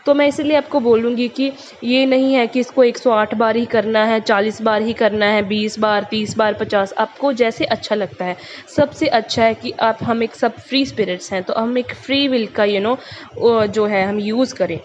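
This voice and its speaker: A young woman speaks in a relaxed, chatty way to the viewers of her channel. Her voice sits a little high and she drops casual English fillers into her talk. The recording is muffled and lo-fi, with a faint hiss underneath. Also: moderate pace. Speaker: tarot channel host.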